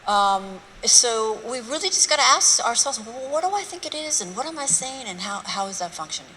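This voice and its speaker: A woman's voice: on the high side, animated, brisk, sharp tone, slight background noise. Blunt woman lecturing in a big hall. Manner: blunt, rhetorical, mocking asides. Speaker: speaker giving a talk on race. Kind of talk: public lecture to a live audience. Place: large hall with an audience. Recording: hall reverb, faint room ambience.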